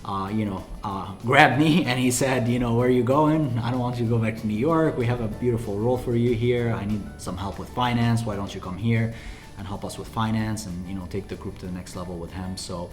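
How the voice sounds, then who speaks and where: A man from Lebanon speaks as a company president in an interview, his voice sitting low. He pauses often on "uh" as he explains things. The room gives his voice a roomy echo, and faint music plays underneath. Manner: hesitant, many "uh" fillers. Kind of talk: interview answers.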